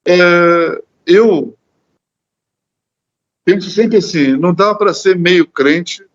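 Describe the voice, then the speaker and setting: Earnest high-voiced Brazilian lay preacher. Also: male voice, extremely slow, highs cut off. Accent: Brazilian Portuguese. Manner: earnest, repeats words while searching, often adds "né?". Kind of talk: church Bible study talk. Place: church.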